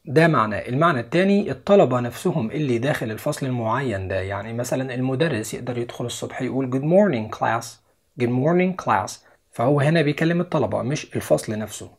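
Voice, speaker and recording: A man's voice: mid-range voice, animated, rapid-fire. A young man with an Egyptian Arabic accent teaching an English lesson on video, explaining step by step and repeating each word twice.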